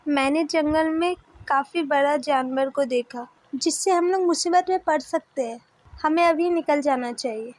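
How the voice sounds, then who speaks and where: A woman voicing a frightened, stubborn young man in a storybook dub, loud and insistent. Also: sits high, normal speed, dry recording, close to an everyday voice. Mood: panicked.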